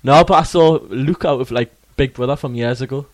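A man's voice: mid-range voice, fairly quick. A man as a guest on a casual podcast, talking plainly and matter-of-factly.

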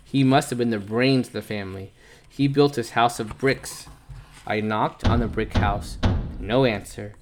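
A man reading a picture book aloud to his child, telling it playfully in a wolf narrator's voice and pausing to chat with the child. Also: medium pitch, background noise. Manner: playful storyteller voicing the wolf narrator, chatting with his child between pages.

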